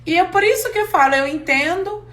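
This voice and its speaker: High-voiced chatty woman teaching English. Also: fairly quick. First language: not Portuguese. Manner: chatty, candid, expressive. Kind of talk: live online class.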